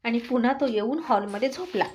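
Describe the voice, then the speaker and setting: A woman narrating a romance story aloud in an expressive, animated storytelling manner. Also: fairly high pitch, a little fast, noisy background.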